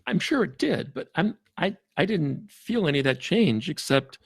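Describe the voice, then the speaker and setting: A man's voice: fairly high pitch, sing-song, gravelly, husky, no room sound. A man, a forensic interviewer, talking casually as a podcast guest, with frequent restarts and chuckles. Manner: halting, many restarts, chuckles often.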